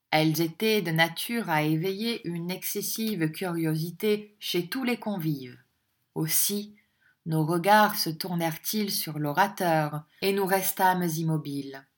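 A woman reading a classic novel aloud as an audiobook narrator, composed and expressive with period prose. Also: lowish voice.

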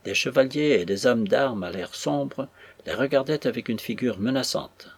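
A man narrates a classic novel in a husky, mid-range voice. His reading is measured and expressive, shaping each long sentence with care. The recording is dry and close. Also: mid-range voice, no echo. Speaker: audiobook narrator. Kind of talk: literary audiobook reading.

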